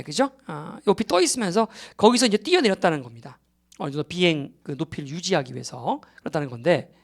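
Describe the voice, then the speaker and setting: A man's voice: high-pitched, creaky, fairly bright tone. A man giving a recorded exam-prep English lecture. He explains step by step, keeps checking that students follow, and drops English terms into his Korean.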